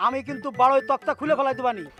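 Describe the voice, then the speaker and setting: An actor playing a hot-tempered, blustering village YouTuber husband in a TV comedy drama. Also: male voice, very high voice, very fast, bright, forceful tone, soft background music. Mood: threatening. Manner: bluster and threats in a rustic voice.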